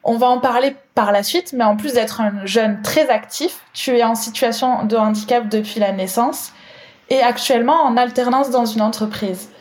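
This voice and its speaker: Pitched on the high side, her voice holds a steady, darkish tone at a normal speed. She's a French podcast host with a lilting southern accent who opens with a scripted introduction before posing her interview questions.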